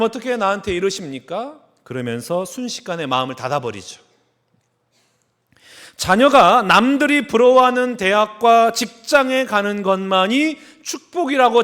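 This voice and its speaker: Male pastor, middle-aged, high voice, very lively pitch, preaching, questions to the congregation. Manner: asks the congregation questions and acts out quoted voices. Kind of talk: sermon.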